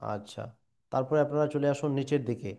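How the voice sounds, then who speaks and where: A man teaching a Quran reading lesson, drilling syllables slowly with pauses and fillers. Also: medium pitch, vocal fry, dark tone. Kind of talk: recitation lesson.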